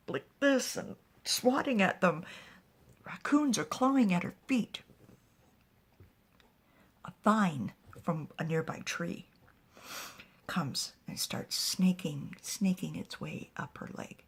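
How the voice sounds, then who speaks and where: A woman telling a fantasy story aloud in an animated way, often dropping to a whisper. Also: fairly low pitch, takes it slowly, pauses often. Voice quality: husky and breathy.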